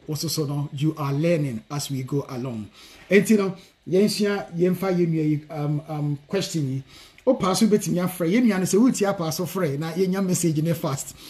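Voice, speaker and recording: A man's voice: a little high, darkish tone. A man with a Ghanaian accent hosting an advice show, explaining informally to listeners with frequent hesitations and repeated phrases. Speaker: host of a legal advice phone-in show. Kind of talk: informal spoken explanation to listeners, switching between languages.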